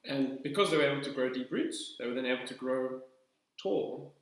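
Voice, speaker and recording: Calm co-presenter explaining simply in an echoey room. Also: mid-range voice, normal speed. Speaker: children's church co-presenter. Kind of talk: children's Bible talk.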